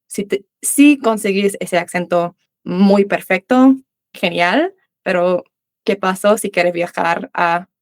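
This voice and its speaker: A woman's voice: mid-range voice, takes it slowly, dry recording. A young Australian woman, a native English speaker, answering interview questions in learner Spanish with many restarts and fillers. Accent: Australian English speaker in Spanish, Uruguayan voseo. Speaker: guest, English teacher. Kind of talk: casual interview chat.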